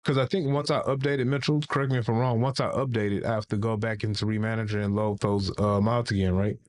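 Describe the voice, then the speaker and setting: Guy hosting a tech stream, kinda low voice, rambly and joking, restarts a lot. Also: fairly even intonation, fast talker, a little mellow. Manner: rambling and playful, with many restarts. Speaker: livestream host. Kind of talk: casual livestream chat.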